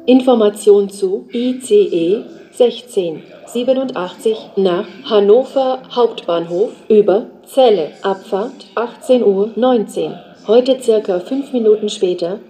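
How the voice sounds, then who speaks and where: A woman making flat platform announcements as a station announcer, in a measured, segmented delivery. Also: mid-range voice.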